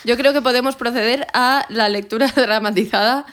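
A woman's voice: on the high side, moderate pace, a bit bright. A woman, co-hosting a casual chat. She is sarcastic and laughs often. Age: 30s. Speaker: podcast co-host.

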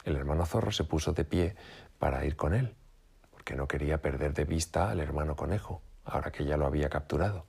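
Narrador masculino de cuento infantil, grave y sosegado. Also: male voice, a bass voice, a little fast, gravelly, husky. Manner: calm, even narration. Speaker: storyteller. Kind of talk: children's story reading.

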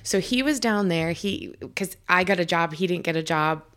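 A woman's voice: lowish voice, normal speed, a bit bright, clear, resonant tone. A woman hosting a podcast from her home kitchen, telling stories in a chatty way full of fillers and restarts. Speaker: podcast host. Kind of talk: casual chat.

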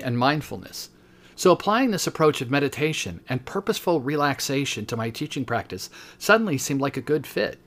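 A man in his fifties, a teacher hosting a podcast, reads his own book aloud at a steady pace and breaks off now and then for short spoken asides. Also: medium pitch.

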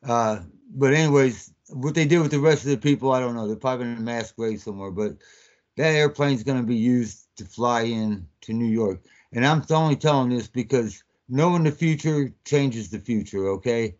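A man calling in to a podcast, talking in a halting, rambling way with many fillers, over a phone line that keeps cutting out. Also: medium pitch, darkish tone. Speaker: podcast guest on a phone call. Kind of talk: casual rambling account.

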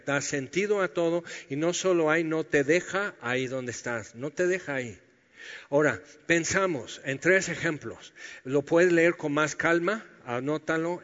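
A man delivers a sermon and acts out Bible scenes with humor. His voice sits fairly high. The sound is dull and lo-fi, with a long reverb trailing through a large hall. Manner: lively storytelling, acting out biblical scenes with humor. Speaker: pastor.

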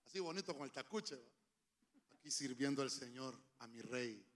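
A man preaching a sermon, emphatic and humorous, with sudden shouts, into a handheld microphone. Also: medium pitch, expressive, moderate pace. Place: church.

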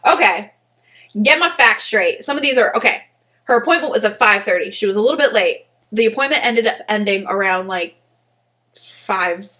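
A woman's voice: mid-range voice, lively intonation, brisk, pushed and bright. A woman co-hosting a podcast, talking in a blunt, emphatic casual chat with some swearing. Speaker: podcast co-host.

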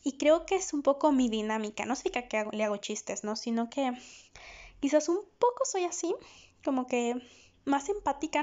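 A woman's voice: fairly high pitch, darkish tone. A woman psychologist hosting a podcast in a candid, chatty monologue, often laughing. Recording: dull lo-fi recording.

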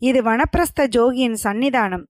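A woman's voice: fairly high pitch, normal speed, dry recording, studio quality, close to an everyday voice. A woman reading an earnest young prince.

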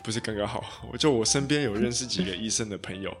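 A man's voice: lowish voice, quick pace, soft background music. A man from Malaysia co-hosting a podcast in casual chat, mixing in English and swearing casually. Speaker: podcast co-host.

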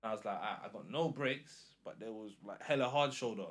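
A man with a London roadman accent, casually telling an animated story in slang and acting out the dialogue. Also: lowish voice, fast talker. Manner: slangy, acts out quoted dialogue.

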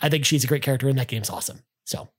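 Speaking rapid-fire in a mid-range voice, this gaming podcast co-host reads listener comments in a casual, enthusiastic way. His delivery is full of restarts and "I mean."

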